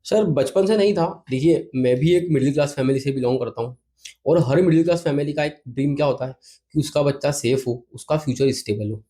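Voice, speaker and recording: With a slightly high, mellow voice and a brisk pace, a man from Indore, India, answers interview questions as an entrepreneur guest. His Indian accent comes through as he explains things politely and conversationally, switching between Hindi and English.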